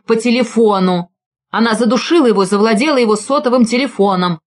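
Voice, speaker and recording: A woman doing a panicky, yelling male thug. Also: a little high, fairly quick, lightly acted. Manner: shouting, frantic. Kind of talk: audiobook character voice.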